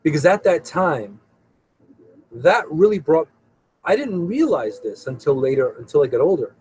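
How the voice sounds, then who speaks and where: A man's voice: on the high side, big pitch swings, normal speed, darkish tone, slight background noise, poor audio. A middle-aged man hosting a live show in a casual, rambling way, often repeating his words. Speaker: host. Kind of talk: casual live-stream talk.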